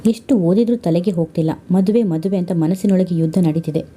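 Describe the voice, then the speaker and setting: A woman voicing a playful, teasing young woman, the younger sister in an audio story, pitched up above her own husky voice. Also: steady tone, a little fast, dark tone, natural voice.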